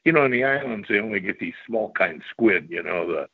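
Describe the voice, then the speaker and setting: A deep, husky man rambles through a crude anecdote, stopping and restarting as he talks. He sounds dry and thin, like a phone call on air. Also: expressive, dry recording. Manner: profane, rambling, halting. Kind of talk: casual anecdote telling. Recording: thin phone-line audio.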